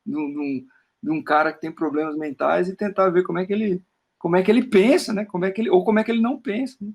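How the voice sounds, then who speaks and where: This Brazilian man talks fast in a high, gravelly voice with a darkish tone. He's a poet discussing his book in a casual interview, showing his work on screen. Rambling in Brazilian Portuguese, he stammers repeats and drops frequent "né?" tags.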